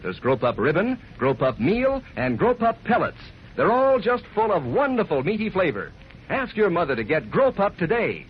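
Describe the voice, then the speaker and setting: A man's voice: high voice, huge pitch swings, moderate pace, a little hiss or hum. An American man announcing 1940s radio commercials for children as a folksy, enthusiastic salesman. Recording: muffled old radio broadcast, faint music.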